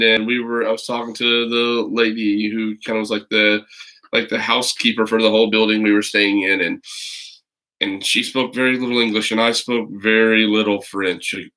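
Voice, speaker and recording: The recording is rough, capturing a fairly low-pitched man's voice with a sharp tone. He's a middle-aged American from the United States hosting a laid-back livestream in a home video corner, where he rambles to viewers and a child and reads stories to them as a teacher.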